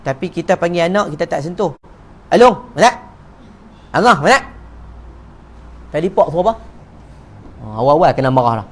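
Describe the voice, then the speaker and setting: High-voiced Malaysian religious teacher. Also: male voice, fast talker. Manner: lively, joking, acts out little dialogues. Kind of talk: evening mosque talk. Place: neighbourhood prayer hall.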